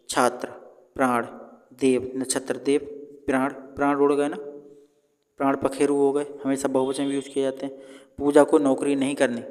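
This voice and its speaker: A man's voice: medium pitch, darkish tone, in a large hall. A man going through exam questions in a casual lesson, thinking aloud and correcting himself as he goes. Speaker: teacher. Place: indoors, at home.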